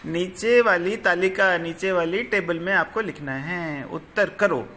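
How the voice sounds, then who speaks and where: A man's voice: sits high, measured pace, bright, forceful tone. A man teaching young pupils, reading textbook questions aloud and repeating each answer. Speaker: school teacher.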